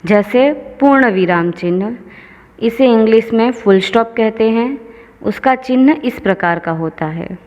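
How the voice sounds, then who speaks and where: A woman teacher giving a slow, patient grammar lesson, explaining each example step by step. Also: on the high side, expressive, darkish tone. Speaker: school teacher. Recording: lo-fi with long reverb.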